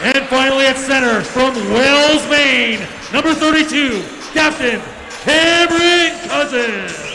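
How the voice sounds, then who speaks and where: A man working as a stadium announcer, shouting hyped lineup introductions and drawing out the names over a PA. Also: very high voice, expressive, slow pace, creaky. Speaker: public address announcer. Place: indoor gymnasium over PA system. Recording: echoey noisy gym with crowd.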